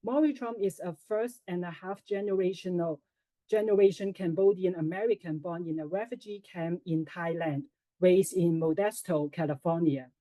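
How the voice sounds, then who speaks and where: A woman moderates a webinar and reads out a speaker's introduction from a script. Her delivery is measured and formal. Her voice is low and mellow, and it sounds dry, with no room echo. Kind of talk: reading a prepared introduction.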